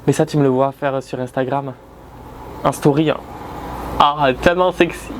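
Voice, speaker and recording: A man's voice: medium pitch, level tone, normal speed, darkish tone, a little hiss or hum. A young man chatting casually indoors at home about his houseplants, swearing and grumbling, hot and sweaty. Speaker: plant vlogger. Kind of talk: casual chat.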